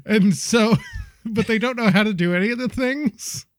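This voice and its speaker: A man's voice: high-pitched, normal speed, no echo. A young man co-hosting a podcast, brainstorming casually with lots of fillers, restarts and laughter. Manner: rambling, laughs often, many fillers and restarts. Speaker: podcast co-host.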